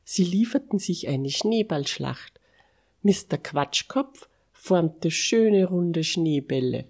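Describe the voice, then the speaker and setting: A woman reading a bedtime story to children, expressive and dropping to a whisper for asides. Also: on the low side, takes it slowly, breathy edge.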